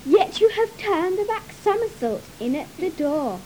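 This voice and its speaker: A woman's voice: extremely high pitch, big pitch swings, unhurried, warm tone, a little hiss or hum, pitched above the performer's own voice, exaggerated voice, rough recording. A woman doing an earnest, emphatic young man. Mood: incredulous. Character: earnest, curious young man questioning his father.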